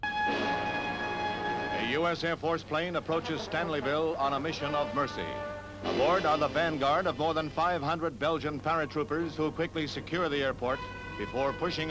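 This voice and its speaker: Old newsreel announcer, man, raised pitch, grave dramatic read over loud music. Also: sing-song, moderate pace, low-quality recording. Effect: old archival newsreel narration. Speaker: newsreel narrator. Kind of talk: 1960s newsreel narration.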